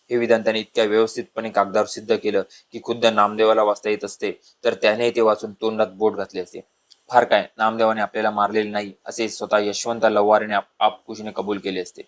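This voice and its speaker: A man's voice: level tone, fast. A man reading a humorous village story aloud, lifting his voice for the characters' lines. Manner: voices the dialogue with louder, higher bursts.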